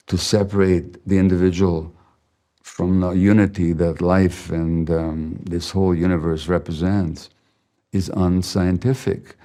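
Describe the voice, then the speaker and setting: An older Hungarian man, a physician, delivers a masterclass lecture in a slow, measured, reflective way. His voice is low with a dark tone.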